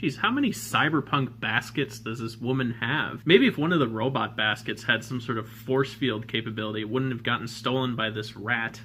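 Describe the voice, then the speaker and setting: Bright-voiced joking male reviewer. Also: medium pitch. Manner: wry, joking, quick asides. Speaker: retro game and cartoon reviewer. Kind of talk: comedic review commentary.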